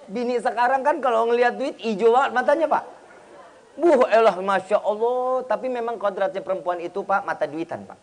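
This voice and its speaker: A man preaches a funny sermon, his voice extremely high and his pace quick. He teases the congregation with slangy remarks and performs snippets of dialogue.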